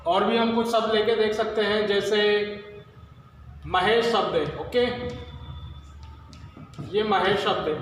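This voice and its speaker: A man with a fairly high voice teaches at a blackboard, pausing to ask his class questions and then answer them himself. The room is strongly echoey, with a long reverb tail and faint background noise. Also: fairly bright tone. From India. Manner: explains slowly, asking and answering his own questions. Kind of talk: blackboard lesson.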